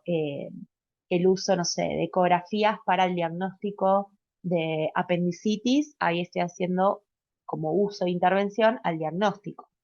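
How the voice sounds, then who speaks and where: A woman's voice: lowish voice, a little mellow, dry recording, muffled recording. A woman giving a recorded medical class lecture, explaining step by step and often checking in with a rising "¿sí?". She uses fillers and corrects herself mid-word. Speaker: pediatric residency lecturer.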